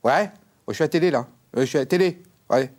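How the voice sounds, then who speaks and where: A brash, crude fairground medium. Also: male voice, fast. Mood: rowdy. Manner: loud, slangy, swings up into high excited squeals. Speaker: talk show guest claiming to speak with the dead. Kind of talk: sketch comedy acting.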